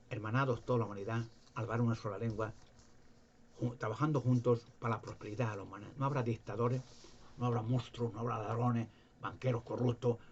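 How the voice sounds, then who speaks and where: A man's voice: mid-range voice, darkish tone. Emphatic man preaching on Bible verses. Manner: emphatic, rhetorical questions, reads and explains verses aloud. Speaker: religious video preacher. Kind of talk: informal Bible preaching monologue. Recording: dull lo-fi home recording with faint noise.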